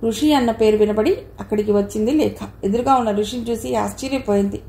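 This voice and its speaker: Gravelly woman narrating a horror novel. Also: on the high side, a little fast. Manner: even storytelling read. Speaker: audiobook narrator. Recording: echoey room.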